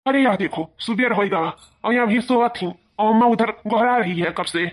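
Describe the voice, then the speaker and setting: A woman's voice: fairly high pitch, a little fast, natural voice. A woman voicing a timid, doting young husband in a cartoon, soothing in manner, with a Bhojpuri-flavoured Hindi accent. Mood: coaxing. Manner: soothing to his wife, stammers when scared. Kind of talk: cartoon voice acting.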